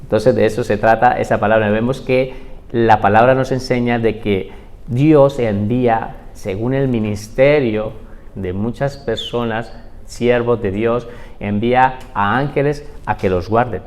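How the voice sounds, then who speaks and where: A man teaching a Bible class, retelling stories in a lively way and asking the class rhetorical questions. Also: mid-range voice, measured pace. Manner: animated storytelling with rhetorical questions.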